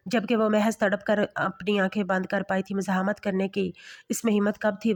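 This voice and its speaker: A woman storyteller reads a bedtime romance story aloud. Her delivery stays level and flat, with little rise and fall. The pitch sits in a middle range.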